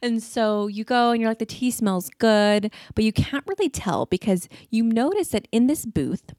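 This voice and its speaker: A woman's voice: a little high, sing-song, normal speed, darkish tone, no echo, studio quality. A woman hosting a podcast, talking to listeners in a conversational storytelling way and asking them rhetorical questions. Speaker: podcast host. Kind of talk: casual solo talk.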